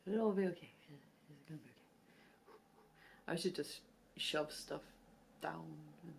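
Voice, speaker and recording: A woman's voice: deep voice, vocal fry, darkish tone, breathy edge. A young woman chatting casually to camera at home, rambling and giggly, with English not her first language. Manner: rambling, giggly, self-deprecating. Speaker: vlogger. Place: home, sitting at a low table.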